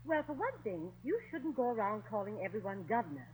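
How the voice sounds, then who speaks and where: A woman's voice: medium pitch, big pitch swings, brisk, natural voice. A woman with an English accent playing a dry-witted English lady who answers with cutting quips, in 1940s radio comedy style. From England. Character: sharp-witted English lady guest, unimpressed. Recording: noisy old radio broadcast.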